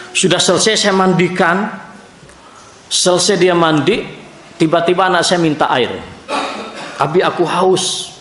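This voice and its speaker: A male preacher tells a family story to his listeners in a mosque auditorium. His voice sits at an ordinary pitch. The hall is roomy and echoes, and a faint hum of ambience sits under it. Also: fairly bright tone. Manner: storytelling, addresses audience as Pak and Bu. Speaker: Islamic preacher. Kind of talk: mosque study-circle sermon.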